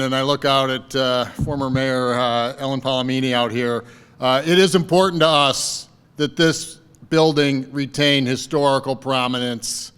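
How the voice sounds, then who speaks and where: A man's voice: fairly high pitch, fairly bright tone, smooth, big-room sound. A man giving a fundraiser speech at a lakeside party, rallying the crowd with repeated calls to commit. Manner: rousing, repetitive rallying calls. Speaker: fundraising campaign speaker. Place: party venue by a lake.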